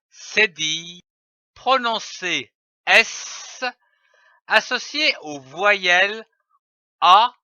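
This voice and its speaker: Guy teaching kids to read, super slow, sounds out every syllable, bright clear voice, dull dry recording. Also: high voice, no echo. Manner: spells out letters and syllables with careful over-articulation. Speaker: reading teacher. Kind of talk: slow didactic phonics lesson.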